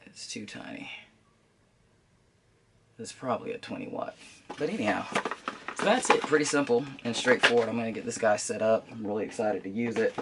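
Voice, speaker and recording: A man's voice: fairly low pitch, fairly quick, long pauses, very noisy. A man with a congested, sinus-affected voice giving a casual unboxing commentary as a channel host, informal and thinking aloud as he goes.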